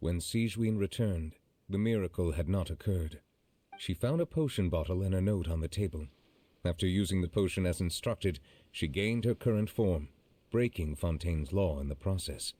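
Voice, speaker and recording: Deep-voiced, solemn judge. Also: male voice, dark tone, dry recording. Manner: formal, measured, restrained. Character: solemn, formal male judge, measured and regretful. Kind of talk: video game story narration.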